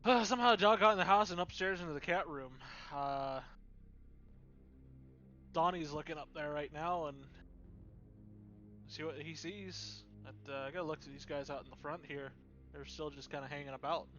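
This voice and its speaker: A man voicing a drunk young male guard who rambles in halting, confused bursts, on a dull lo-fi recording. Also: fairly high pitch, bright, forceful tone. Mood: rambling. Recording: dull lo-fi recording, faint music.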